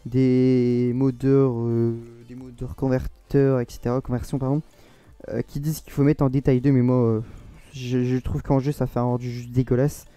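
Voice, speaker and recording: Speaking with a French accent, a man from France walks through a modding tutorial captured by screen recording, his very dark, mellow voice smooth and medium-pitched with little pitch movement. He moves at a moderate pace, rambling, hesitating and correcting himself, while faint music runs beneath a recording with no room sound.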